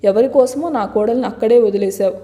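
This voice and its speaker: A woman's voice: brisk, mellow, natural voice. Woman reading a stern wheelchair-bound father. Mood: angry reproach. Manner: booming, reproachful. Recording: long hall reverb.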